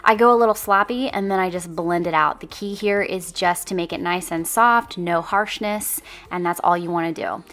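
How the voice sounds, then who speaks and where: A woman's voice: fairly low pitch, normal speed, few pauses, fairly bright tone. Chatty makeup tutorial host, woman. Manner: chatty and upbeat, talks to viewers as girlfriends. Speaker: beauty channel host.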